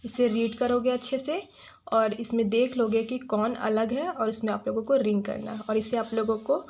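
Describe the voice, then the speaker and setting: A woman's voice: fairly high pitch, fairly even intonation, moderate pace, a little mellow. A woman teaching a phonics lesson to young children, spelling out words letter by letter and asking the class questions. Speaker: kindergarten teacher.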